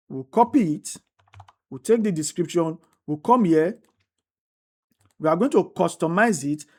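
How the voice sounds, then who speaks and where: A woman with a lowish, slightly mellow voice teaches through a screen-recorded tutorial. She goes one step at a time, says things more than once, and tends to ask "right?"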